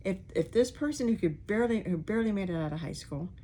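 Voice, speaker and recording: Woman podcaster with soft R's and S's. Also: medium pitch, lively intonation, quick pace. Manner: candid, rambling, acts out quoted remarks. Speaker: podcast host. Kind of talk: informal personal monologue.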